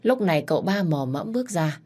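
Woman audiobook narrator, deep-voiced, steady and dramatic. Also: a little fast. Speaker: story narrator. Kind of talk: first-person audiobook narration.

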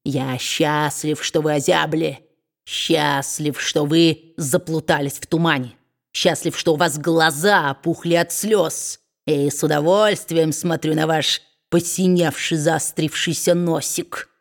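A woman's voice: sits low, steady tone, measured pace. A woman reading an audiobook and voicing a cruel, spiteful male dwarf who mocks and snarls. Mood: gloating. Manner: snarling, mocking.

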